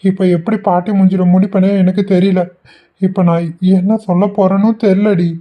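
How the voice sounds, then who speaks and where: A patient young husband in a cartoon, with a woman acting him out. He talks in a steady, soothing, reasoning way at a middle pitch. The recording sounds dull and lo-fi. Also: fairly quick, close to an everyday voice.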